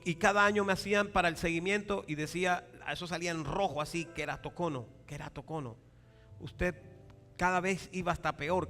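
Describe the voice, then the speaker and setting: A male pastor preaching a sermon, animated and acting out dialogue, often asking the congregation for a reply. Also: high voice. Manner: acts out quoted dialogue in raised voices. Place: large church hall. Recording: long hall reverb with faint music.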